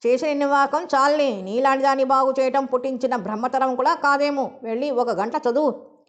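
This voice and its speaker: A woman's voice: high-pitched, steady tone, a little fast, voice pushed up, close to an everyday voice. Woman voicing a stern lecturing mother. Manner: earnest, lecturing. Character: stern middle-aged mother who lectures her daughter.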